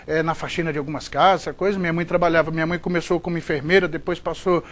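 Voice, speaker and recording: Speaking very fast in a steady, slightly bright voice on the high side, this middle-aged sports broadcaster from Goiás has a Goiás Brazilian Portuguese accent. His interview answers ramble chattily, with frequent fillers and restarts.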